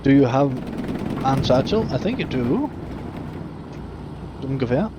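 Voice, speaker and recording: A man with a mid-range, expressive voice gives casual, jokey live commentary on a game stream at a measured pace, swearing freely and laughing often. The stream audio is muffled, with heavy background noise of loud gunfire, artillery and vehicles from the game.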